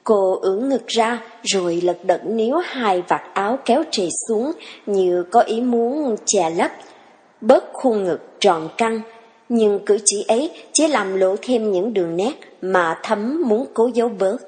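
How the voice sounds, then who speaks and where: A woman narrating a story in a measured storytelling manner. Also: medium pitch, lively intonation, darkish tone, big-room sound.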